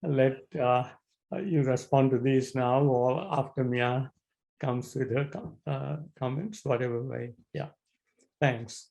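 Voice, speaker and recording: A man from Sri Lanka talks through a panel question at a mid pitch, hesitant and full of restarts. He speaks over a video call in a measured academic tone. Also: creaky, darkish tone, low-quality recording. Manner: halting, many fillers and restarts. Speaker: panel discussant.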